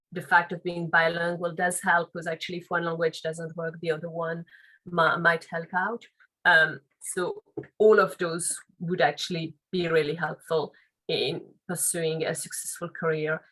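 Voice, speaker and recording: A woman's voice: fairly low pitch, a bit bright, poor audio. A woman in her late thirties from France, a native French speaker with a French accent, answering interview questions thoughtfully with loose phrasing and restarts. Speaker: guest, legal and compliance officer.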